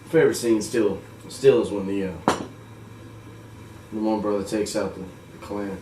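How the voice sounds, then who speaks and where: A man's voice: fairly low pitch, steady tone, unhurried, warm tone. A man hosting a casual movie review chat, laid-back and slangy, laughing often. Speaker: podcast host. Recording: echoey room, mic far off, faint noise.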